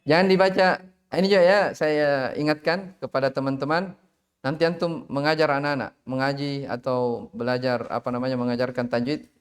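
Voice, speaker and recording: A man teaching tajwid in a live online class, drilling Arabic syllables slowly and calling on students to recite. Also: mid-range voice, steady tone, clear, resonant tone. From Indonesia.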